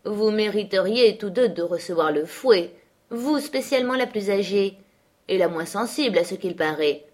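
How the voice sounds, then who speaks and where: A woman voicing a harsh, brooding man who mocks and threatens, forceful and insistent. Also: medium pitch, animated, normal speed, natural voice. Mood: menacing. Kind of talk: audiobook character voice.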